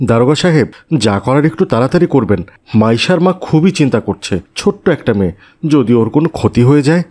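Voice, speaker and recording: A man's voice: mid-range voice, fast talker, natural voice. A man voicing a caring, earnest father and neighbor in a cartoon. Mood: concerned. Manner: earnest, calming. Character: caring middle-aged father and neighbor, calm.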